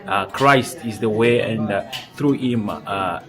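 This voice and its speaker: A young man from Congo giving a personal faith testimony, speaking hesitantly with many pauses and restarts. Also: on the low side, music in the background. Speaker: church member giving testimony.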